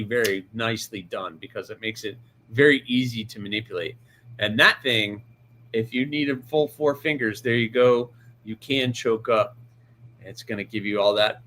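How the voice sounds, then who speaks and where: A man's voice: medium pitch, a bit bright, a little hiss or hum. A man hosting a live stream about pocket knives, chatting casually, greeting viewers by name and restarting sentences as he handles a knife. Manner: handles the knife while talking, restarts often.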